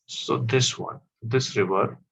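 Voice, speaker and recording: A man teaching a class, explaining step by step and often pausing with fillers. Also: mid-range voice, creaky, a bit bright, breathy edge. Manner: slow, stop-start explaining with fillers. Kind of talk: classroom map lesson. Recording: dull, slightly lo-fi audio.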